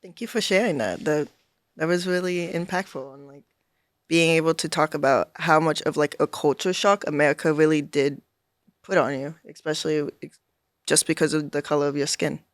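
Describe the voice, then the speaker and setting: A podcast host with a somewhat high voice responds appreciatively, with a few hesitations. The sound is dry. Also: male voice, fairly even intonation, moderate pace, no echo. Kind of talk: interview response.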